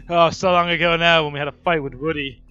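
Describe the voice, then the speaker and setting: A man gives casual let's-play commentary, pitched a bit higher than most men, teasing his viewers and breaking into laughter often. His mic sounds dull and lo-fi, and soft game music sits underneath. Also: steady tone, moderate pace. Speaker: gaming channel host.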